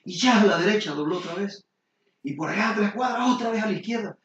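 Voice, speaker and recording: A middle-aged man, preaching a sermon as pastor with lively storytelling and questions to the congregation. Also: high voice, fast talker. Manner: animated storytelling, sudden exclamations, rhetorical questions to the congregation. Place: church sanctuary. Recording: roomy hall, distant mic, dull and lo-fi.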